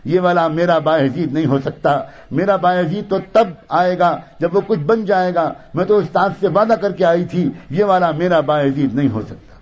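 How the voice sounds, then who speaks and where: A man's voice: a little high, few pauses, darkish tone, lightly acted. A man voicing a stern, loving mother who answers sharply. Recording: dull lo-fi recording.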